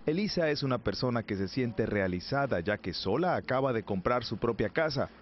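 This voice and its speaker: Measured male news narrator. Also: mid-range voice, highs cut off, slight background noise. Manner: measured, even reporting tone.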